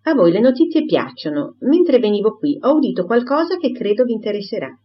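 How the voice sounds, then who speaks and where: A woman voicing a composed, self-assured gentleman with a teasing manner. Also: a little high, sing-song, a little fast, muffled recording, pitched above the performer's own voice.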